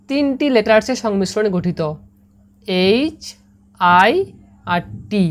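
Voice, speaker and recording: Woman, Bengali accent, English teacher, patient, repeats words slowly, checks in with students. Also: medium pitch. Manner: patient, repeats words slowly, asks "ঠিক আছে?" often. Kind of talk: explaining lesson to students.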